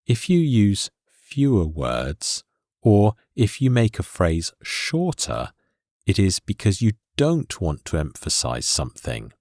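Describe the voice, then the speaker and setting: A man reads a scripted English lesson in a deep voice that rises and falls a great deal. He takes his time, setting out each rule slowly and clearly. The sound is dry and close to the mic. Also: huge pitch swings, a little mellow, dry recording. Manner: slow, clear and deliberate explanation. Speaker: English teacher.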